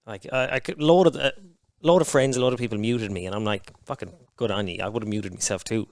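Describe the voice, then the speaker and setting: A man appears as a podcast guest in a candid conversation, his fairly low voice darkish and marked by vocal fry. He's frank, swears heavily, and keeps restarting sentences in halting fashion.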